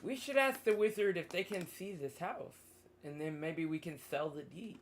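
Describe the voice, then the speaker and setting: A man in a tabletop game, playing his character in a brash, excitable way. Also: on the high side, normal speed, slight background noise. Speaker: player.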